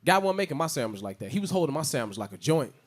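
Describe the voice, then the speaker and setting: A young man from Chicago doing an animated stand-up set, slipping into shouted character voices. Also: on the high side, very fast. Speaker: stand-up comedian.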